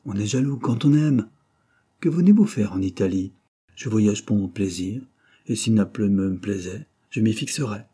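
A man's voice: on the low side, normal speed, warm tone, slightly rough. A man voicing a jovial, amorous middle-aged traveller in a read-aloud novel, speaking cheerfully in a slightly raised voice.

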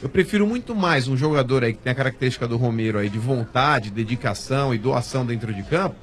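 Rapid-fire Brazilian man arguing football. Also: mid-range voice, animated, a little hiss or hum. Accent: Brazilian Portuguese. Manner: insistent, cuts in, repeats his point. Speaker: sports show panelist. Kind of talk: heated football debate. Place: radio studio.

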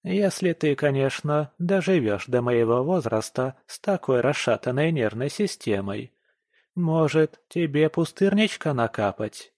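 A man doing a calm mocking old grandmother. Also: on the high side, no room sound, studio quality, voice pushed up. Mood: teasing. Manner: mocking, unhurried.

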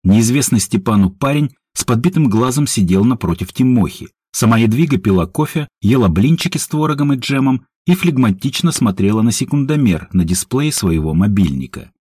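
Brief: lively male narrator, husky voice, dry close sound. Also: mid-range voice, brisk, hardly any pauses, dry recording. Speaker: audiobook narrator. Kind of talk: scripted narration.

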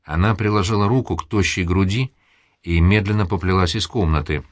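A man reading a novel aloud in a calm, measured way. His voice is very low and deep, and the recording is dry and close with no room sound. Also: no room sound. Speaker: audiobook narrator. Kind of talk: scripted audiobook narration.

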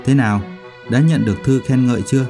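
A man's voice: mid-range voice, fast talker, warm tone, faint music behind, natural voice. Man doing a smug, gleeful young man. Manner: gleeful, teasing.

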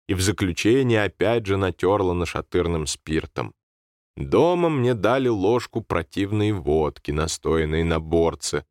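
Calm man reading a story. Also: lowish voice, dry recording, clean studio sound. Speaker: narrator.

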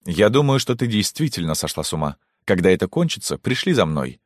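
Guy doing a proud angry mom, courtesan, sharp and indignant, bit higher than his own voice. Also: big pitch swings, moderate pace, husky, no echo, studio quality. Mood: tense. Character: proud hot-tempered middle-aged courtesan mother.

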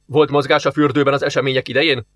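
Man doing a brisk deputy commander giving orders, short commanding lines, dry close sound. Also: mid-range voice, little pitch movement, no room sound, faint music behind, lightly acted. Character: eager male deputy commander investigating a murder.

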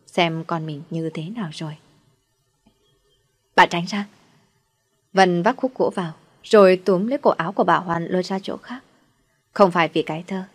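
A woman reading a dramatic story in a steady storytelling delivery. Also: lowish voice. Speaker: narrator. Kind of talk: scripted story narration.

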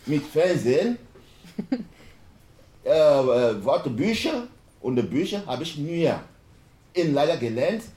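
In a university lecture hall, a non-native German speaker talks on a panel in broken, halting German, frequently restarting partway through words. His tone is dark and mellow with a sing-song quality and wide pitch swings, while the room adds a spacious echo.

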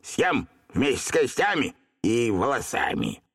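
A man voicing a haughty, spiteful old male genie in an audiobook, with a sneering, drawn-out delivery. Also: high-pitched, wildly swooping pitch, vocal fry, a bit bright, voice pushed up, exaggerated voice. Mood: gloating. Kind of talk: audiobook character reading.

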